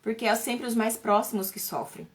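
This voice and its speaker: A woman's voice: fairly high pitch, steady tone, normal speed. A woman in her thirties speaking to viewers on a live stream, earnest and urgent, often restarting and repeating herself. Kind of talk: emotional personal talk to viewers.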